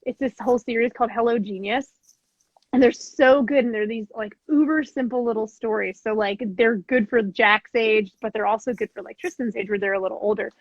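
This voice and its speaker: A woman's voice: on the high side, steady tone, a little fast, dry recording. A woman in her thirties hosting a podcast, talking in a chatty, rambling way. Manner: chatty, acts out storybook lines when reading. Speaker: podcast host. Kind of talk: casual interview chat. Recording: dull, slightly lo-fi dry sound.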